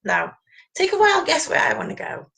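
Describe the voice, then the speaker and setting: Gravelly-voiced woman chatting. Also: high-pitched, very animated, moderate pace, sharp tone. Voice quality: gravelly, creaky voice. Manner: rambling, chatty, laughs often. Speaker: podcast co-host. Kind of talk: casual chat about fan conventions.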